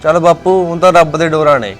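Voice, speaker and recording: A man's voice: on the high side, steady tone, quick pace, fairly bright tone, soft background music, natural voice. A young man playing an unmarried son who talks in an easygoing, agreeable way, with a rural Punjabi accent. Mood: resigned. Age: young adult. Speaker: son of marriage age.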